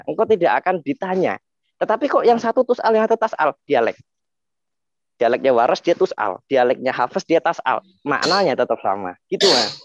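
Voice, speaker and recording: A man explaining scripture dialects in a panel talk, slowly chanting verses between points. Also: on the high side, no echo. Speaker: religious teacher explaining dialects. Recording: dull, dry lo-fi sound.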